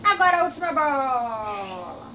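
A young Brazilian woman talks casually, like a mother on a family vlog. She is recorded from some distance in a bedroom. Clear background noise runs under her voice. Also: high-pitched, very animated, measured pace, sharp tone. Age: young adult. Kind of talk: casual chat. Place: small bedroom at home, indoors. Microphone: camera a short distance away. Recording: distant microphone, noisy home video.

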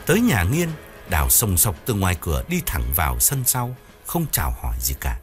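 A man narrating a ghost story audiobook in an expressive, dramatic way, with soft music behind. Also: sits low, a little fast.

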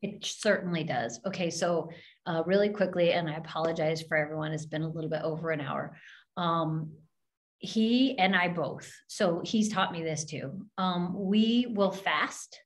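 Animated woman minister telling a story. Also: on the low side, unhurried. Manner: animated, acts out the voices in her story. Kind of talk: storytelling in an open forum.

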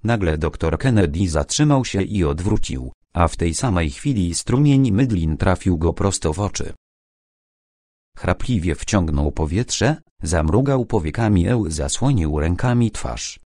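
A man narrates a crime novel with measured drama. His voice sits very low and moves slowly, yet his pitch rises and falls vividly. The recording is dry and close. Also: lively intonation, warm tone, dry recording. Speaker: audiobook narrator.

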